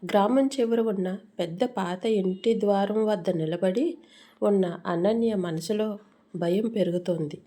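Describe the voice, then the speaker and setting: A woman storyteller reading a suspense tale in a steady, suspenseful way. Her voice is warm and mellow, sitting at an ordinary middle pitch. It sounds like scripted narration for a story channel. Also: measured pace.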